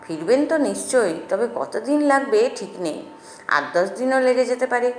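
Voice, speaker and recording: A woman's voice: fairly high pitch, animated, moderate pace, darkish tone, roomy sound, a little hiss or hum, natural voice. A woman voicing a cocky teenage boy who teases and jokes. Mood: teasing. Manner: teasing, cocky. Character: cheeky bold teenage boy.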